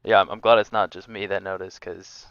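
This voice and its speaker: A man's voice: low voice, fairly even intonation, fairly quick, clean tone, dry recording, muffled recording. A man livestreaming a flight simulator, chatting casually and making pilot radio calls.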